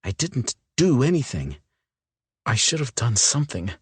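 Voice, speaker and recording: A man's voice: medium pitch, very animated, unhurried, a little mellow, slightly rough, dry recording, pitched above the performer's own voice, heavily acted. A male narrator voicing a hurt, defiant young woman in an audiobook, his delivery emotional and shaky. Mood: distraught. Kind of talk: audiobook character voice.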